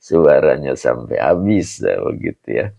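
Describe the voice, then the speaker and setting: A man with a hoarse, very deep voice teaching a live online class as an Islamic teacher, explaining patiently and tagging phrases to his listeners. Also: sing-song, a little slow, warm tone. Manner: explains patiently, ends phrases with "begitu, Pak". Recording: dull lo-fi livestream audio.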